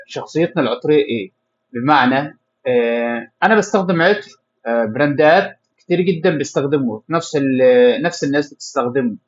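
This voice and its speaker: A man's voice: a little high, lo-fi sound. A man with an Egyptian Arabic accent explains perfume-making in a casual tutorial, chatty and full of hesitations and restarts. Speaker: perfume maker teaching on his channel.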